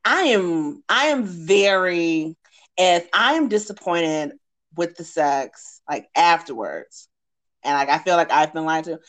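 Slow-talking lower-voiced woman chatting. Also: expressive, fairly bright tone. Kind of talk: casual chat.

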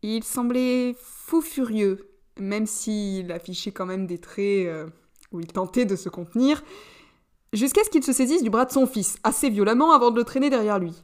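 A woman narrating a novel aloud in a lively storytelling manner. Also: fairly high pitch, normal speed. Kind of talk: audiobook narration.

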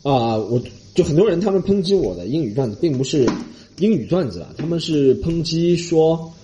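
A man's voice: on the high side, moderate pace, lo-fi sound, noisy background. A man hosting a comedy podcast, talking in a casual, joking monologue, with a Mandarin Chinese accent and English phrases mixed in. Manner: animated, mixes English phrases, mocking voices.

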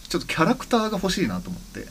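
A man, a bassist co-hosting a podcast, chatting casually and laughing often as he talks. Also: very fast, creaky, a little hiss or hum. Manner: animated, laughs often while talking. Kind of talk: casual chat.

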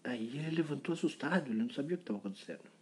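Animated man telling a story. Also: medium pitch, racing, a little hiss or hum. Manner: playful, animated storytelling with sound effects. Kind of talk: improvised children's story.

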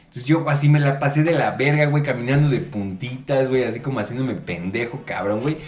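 A young man with a Mexican accent telling a story in casual chat, animated and full of slang. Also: mid-range voice, fast. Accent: Mexican Spanish. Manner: animated, laughing, slangy storytelling with shouted reenactments. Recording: echoey room.

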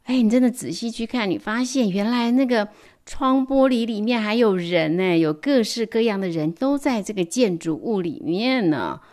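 A woman reads a children's picture book aloud. Her voice is animated and rises and falls a lot, with playful sound words and soft, hushed asides. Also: mid-range voice, moderate pace. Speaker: storyteller. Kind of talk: storybook read-aloud for children.

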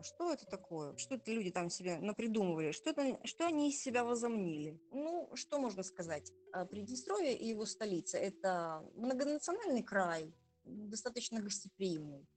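A woman's voice: a little high, big pitch swings, brisk, darkish tone, faint music behind. Thoughtful woman in her forties, interviewed. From Transnistria, Moldova. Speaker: interviewee, journalist. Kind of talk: conversational interview.

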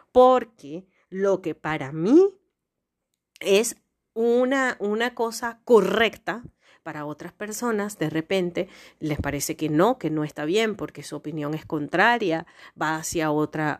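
A woman's voice: fairly low pitch, lively intonation, measured pace. A woman hosting a podcast, talking through life advice in a conversational monologue, explaining with rhetorical questions and examples. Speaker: podcast host.

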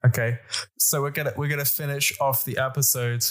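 Podcast host guy, playful, running silly games, mid-pitched voice. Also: flat delivery, fairly quick. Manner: playful, leading games and questions. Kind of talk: casual chat.

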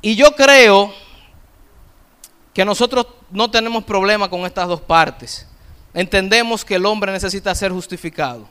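A middle-aged male pastor preaching a sermon, slowing down to stress key phrases. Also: high-pitched, a bit bright, clean tone.

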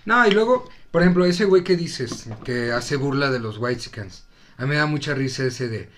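A man's voice: mid-range voice, lively intonation, normal speed, background noise. A man with a Mexican accent in casual chat, swearing freely and mimicking others in quotes. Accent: Mexican Spanish.

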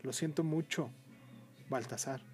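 A man voicing a burly, stern, short-tempered rich man in a read-aloud story, giving sharp, raised commands. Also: medium pitch, unhurried, soft background music, lightly acted. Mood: cold.

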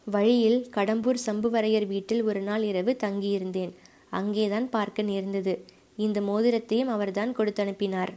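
A woman's voice: medium pitch, fairly even intonation, moderate pace, dark tone, lightly acted. A woman voicing a bold but polite young male warrior messenger in an audiobook, speaking humbly and respectfully. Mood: firm. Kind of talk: audiobook character voice.

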